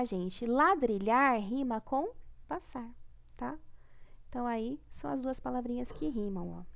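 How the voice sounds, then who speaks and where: A woman's voice: on the high side, gravelly. A young woman teacher with a Brazilian Portuguese accent, patiently going over homework in a recorded class and often checking in with "tá?". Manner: patient, ends phrases with "tá?", syllables drawn out. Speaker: primary school teacher.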